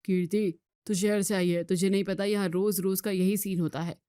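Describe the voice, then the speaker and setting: A woman's voice: medium pitch, steady tone, normal speed, dark tone, clean tone, dry recording, clean studio sound, natural voice. A woman playing a dismissive young elder brother who lectures his sister in a cartoon story.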